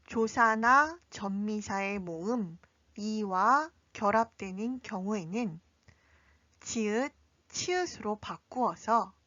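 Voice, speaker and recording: A woman teaching a Korean pronunciation lesson in a slow, scripted delivery, drawing out each example word. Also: medium pitch, fairly bright tone, no room sound. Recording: dry, slightly dull recording.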